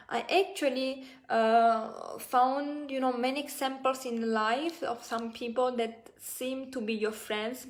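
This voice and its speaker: A woman in her twenties hosting a live Buddhist talk stream. She reads viewer comments aloud and answers them in a hesitant, friendly way with many fillers and restarts. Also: on the high side. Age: 20s. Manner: friendly, thanks viewers often. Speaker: Buddhist Dhamma speaker and live-stream host.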